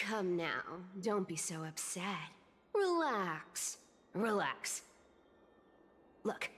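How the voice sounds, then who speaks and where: A woman's voice: mid-range voice, big-room sound. A woman voicing a sly, teasing young female thief with a cat-like, playful manner in a video game.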